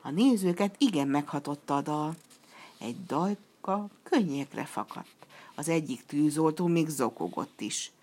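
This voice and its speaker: A woman reading a children's story aloud as narrator, steady and expressive. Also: low-pitched.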